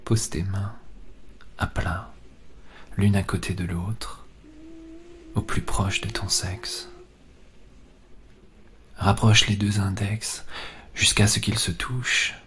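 A man playing a seductive, ardent lover in a whispered role-play, murmuring slowly and breathily, right in the listener's ear. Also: fairly low pitch, fairly even intonation, fairly bright tone, heavily acted. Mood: seductive, hushed. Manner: slow, intimate, breathy murmur close to the ear. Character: seductive male lover on a night train, intimate and ardent. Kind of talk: whispered role-play, erotic audio narration.

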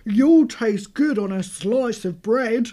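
A woman voicing a big, hungry, gullible monster in a children's storybook, loud and booming. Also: animated, takes it slowly. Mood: menacing.

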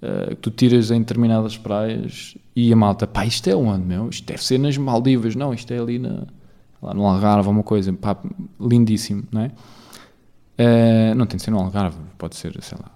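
Rambling Portuguese man, low mellow voice. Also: fairly even intonation, moderate pace. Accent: European Portuguese. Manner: rambling, full of fillers and tag questions. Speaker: podcast host. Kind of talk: casual solo podcast monologue.

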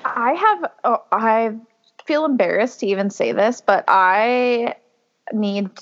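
A woman's voice: a little high, animated, takes it slowly, muffled recording. A woman co-hosting a podcast, chatting in a wry, easygoing way. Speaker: podcast co-host. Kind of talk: casual podcast chat.

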